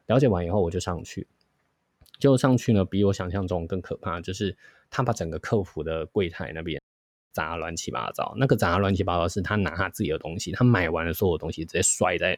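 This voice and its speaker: A man with a Taiwanese Mandarin accent, hosting a podcast and telling a workplace story in a lively way, acting out what people said. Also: sits low, no room sound, clean studio sound. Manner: animated storytelling, acts out quoted dialogue. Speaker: podcast host. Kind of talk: storytelling chat.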